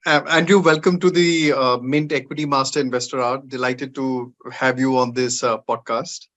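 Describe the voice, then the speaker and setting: A man hosting a podcast, asking questions in a relaxed, conversational way with frequent fillers. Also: mid-range voice, moderate pace. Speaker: podcast host. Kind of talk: interview conversation.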